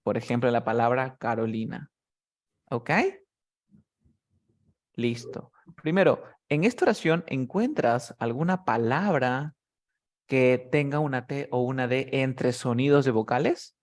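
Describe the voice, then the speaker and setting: Over a video call, a man tutors a single student in English with patience and method. His voice is medium-pitched, unhurried, and slightly mellow, and he walks through each rule step by step, often checking with asides like "¿cierto?" that the student is keeping up.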